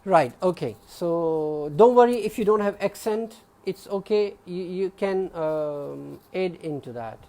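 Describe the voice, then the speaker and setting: This exam prep teacher has a warm, medium-pitched voice with lively intonation, speaking at a measured pace with few pauses and a Pakistani English accent. In a live online class he explains concepts, often checks in with "okay?", and names individual students.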